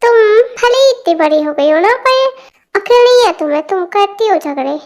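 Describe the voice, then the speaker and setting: A woman's voice: very high-pitched, animated, normal speed. A woman voicing a strict middle-aged mother in an amateur fan dub, bossy and ending orders with "okay?". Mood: stern.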